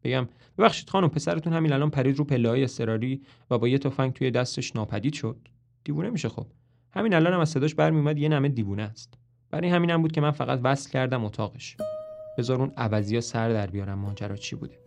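A man's voice: medium pitch, creaky, a little mellow, soft background music, close to an everyday voice. A jittery young receptionist, read by a man, rambles on and keeps justifying himself. The voice stays close to the reader's own, in an everyday tone. It is a dramatic play reading for a podcast. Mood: defensive.

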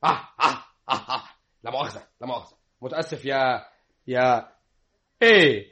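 Sly, theatrical Egyptian husband playing the madman, old radio comedy, bright lively delivery. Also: sits high, a little fast, full character voice. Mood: feigned madness. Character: scheming husband feigning knife-waving madness to scare maid.

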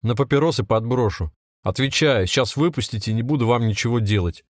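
A man voicing a hot-tempered young city tough who shouts crude threats, in a storybook reading. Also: medium pitch, a little fast, no room sound, studio quality, close to an everyday voice. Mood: furious.

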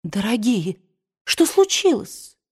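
A woman voicing a gentle, comforting young woman. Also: on the high side, very animated, takes it slowly, slightly rough, pitched above the performer's own voice, full character voice. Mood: alarmed. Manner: soft, comforting.

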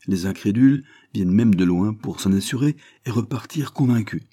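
Male reader doing a boastful French officer, husky, proud and quick to retort. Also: fairly low pitch, dark tone, dry recording, studio quality. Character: boastful witty male French army captain.

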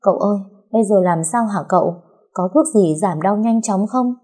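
A woman doing a shrill scheming young wife. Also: normal speed, mellow, slightly rough, natural voice. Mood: whining. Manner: mocking sing-song rhymes, theatrical wailing. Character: young sharp-tongued scheming wife, dramatic.

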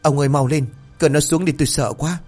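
A man voicing a frightened middle-aged village wife who cries out in a high, panicked voice. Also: steady tone, quick pace, mellow, slightly rough, faint music behind. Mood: terrified. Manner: shrill panicked cries for help.

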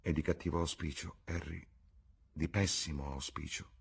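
A man reading aloud, voicing a troubled young gentleman who speaks with bitterness. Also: on the low side, flat delivery, normal speed, vocal fry, slightly rough, heavily acted. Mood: bitter. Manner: bitter, sighing.

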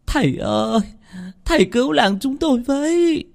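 A man's voice: very high voice, expressive, gravelly, darkish tone, pitched above the performer's own voice, full character voice. A man voicing a grief-stricken village woman who whimpers as she pleads for help. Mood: pleading. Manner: whining, drawn-out pleading.

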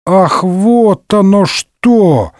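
Brash, sarcastic middle-aged swordsman, read by a male narrator, raised pitch, jumpy lively delivery, comic audiobook. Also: measured pace, dry recording, clean studio sound. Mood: sarcastic, mocking. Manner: brusque, mocking, shouting insults. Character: hot-tempered middle-aged Gascon swordsman, rude and sarcastic.

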